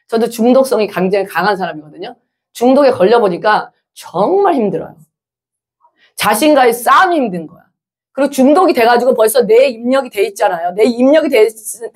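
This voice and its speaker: A woman preacher delivering an animated sermon in a church, full of rhetorical questions and acted-out quotes. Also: a little high, breathy edge. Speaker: evangelist preacher.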